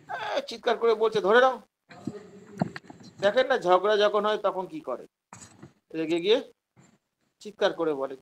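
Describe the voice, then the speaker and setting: Bengali-accented male teacher, fairly high voice, patient question-and-answer lecturing. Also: slight background noise, rough recording. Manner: explains patiently, poses questions then answers them; acts out quoted patients in a raised voice. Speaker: homeopathy teacher. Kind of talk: online lecture.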